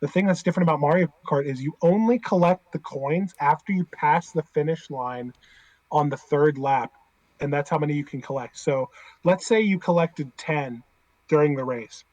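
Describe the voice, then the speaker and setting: A young man on a podcast, ranting and emphatic in quick bursts, his voice sitting a little high. He is recorded close and dry, with no room sound around him. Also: darkish tone, dry recording, lo-fi sound. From Pittsburgh area. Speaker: podcast co-host. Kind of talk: casual chat.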